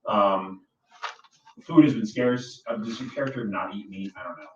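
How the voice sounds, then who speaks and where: A man narrating as game master for a tabletop game, relaxed and filling pauses with ums. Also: lowish voice, a little hiss or hum. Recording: dull, roomy sound from a distant mic.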